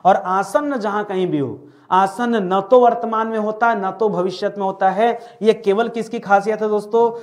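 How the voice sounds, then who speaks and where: A man's voice: sits high, normal speed. A man teaching a grammar lesson online, who keeps asking the class a question and answering it himself, repeating key terms as a drill. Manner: asks a question and answers it himself, calls listeners friends.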